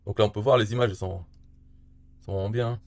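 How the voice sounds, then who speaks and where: A man's voice: on the low side, steady tone, fast talker, darkish tone, dry recording. A man talking through a casual screen tutorial, hesitant, with frequent fillers and restarts. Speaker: tutorial presenter.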